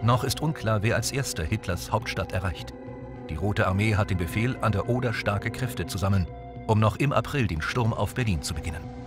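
A man reading scripted documentary narration in a measured, even way. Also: fairly low pitch, over music. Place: voice-over booth. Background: documentary score.

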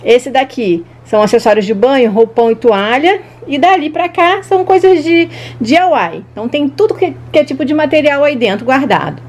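A woman's voice: high voice, lively intonation, brisk, a little mellow. A woman in her thirties with a Brazilian Portuguese accent, chattily narrating a casual handheld tour for children and pointing things out informally. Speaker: children's toy channel vlogger. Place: small indoor home studio room. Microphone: handheld camera at arm's length.

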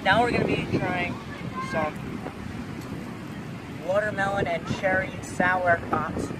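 A man's voice: high voice, steady tone, takes it slowly. A teenage male host eating sour candy as he talks casually to the camera outdoors on a beach, picked up by a camera a few feet away. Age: teens. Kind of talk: casual challenge vlog to camera. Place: sandy beach dunes, outdoors. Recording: windy outdoor camera mic, loud background noise. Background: loud wind and ambience.

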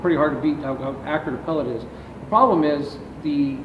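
A man's voice: on the high side, lively intonation, brisk. Middle-aged man explaining in an echoey warehouse. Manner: explains at length, gesturing with his hands. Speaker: ammunition company founder, interview guest. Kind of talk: answering interview questions. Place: large warehouse with shelving, indoors. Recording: echoey warehouse, distant dull audio with background noise.

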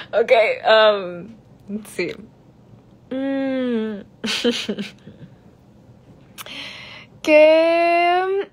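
A woman's voice: fairly high pitch, lively intonation, takes it slowly, long pauses, a bit bright. A young woman answering fan questions on a phone livestream, switching between Spanish and English with frequent laughs. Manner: bilingual, giggly, chatty, reads questions aloud. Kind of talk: casual livestream Q&A.

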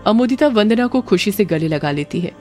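A woman storyteller narrating a horror story in a steady, dramatic way. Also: medium pitch, a little fast. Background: faint background music.

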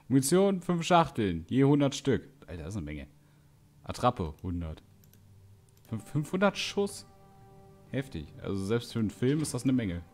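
A man's voice: mid-range voice, darkish tone. A man giving casual gameplay commentary, chatty and joking as he reacts aloud. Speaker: let's play streamer.

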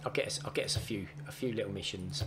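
A man's voice: fairly low pitch, fast, fairly bright tone. A man hosting a casual game stream, coaxing and playful as he guides a child. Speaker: gaming channel host. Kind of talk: casual let's-play chat with a child.

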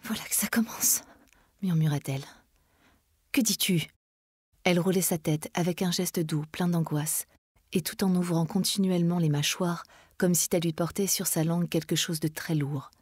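A woman reads a classic novel aloud in a measured, dramatic way. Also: fairly low pitch, steady tone, darkish tone, husky, dry recording, studio quality. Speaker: reader. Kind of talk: literary reading.

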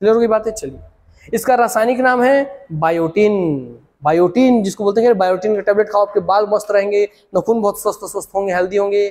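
High-voiced Chhattisgarhi man teaching. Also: a little fast, big-room sound. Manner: animated, uses memory tricks and repeats words. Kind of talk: exam coaching lecture.

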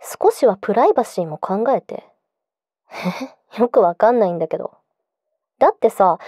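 A woman's voice: medium pitch, dark tone, dry recording, studio quality. A woman playing a clingy, possessive yandere girlfriend in an intimate pillow-talk role-play, coaxing and insistent. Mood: suspicious, insistent.

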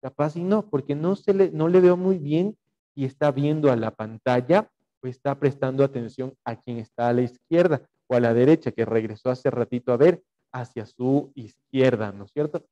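A man's voice: medium pitch, moderate pace, mellow, muffled recording. Man teaching an online class. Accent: Ecuadorian Spanish. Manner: explanatory, dictating notes with frequent fillers and rhetorical checks. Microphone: video call.

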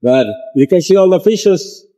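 An older man hosting a walking tour vlog outdoors on city streets, filmed with a handheld camera at arm's length, pitching his tours to viewers with enthusiasm. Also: animated, measured pace, dark tone. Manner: enthusiastic salesy asides to viewers. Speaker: tour guide.

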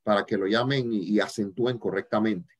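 A man teaching a religious study online, answering viewer questions in a halting way with many fillers and restarts. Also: lowish voice, steady tone.

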